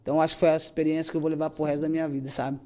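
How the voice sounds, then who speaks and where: A woman tells an emotional religious testimony. Her voice is mellow and a touch dark. She talks earnestly and acts out her own prayers as she goes. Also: deep voice, little pitch movement, racing. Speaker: guest giving a church testimony.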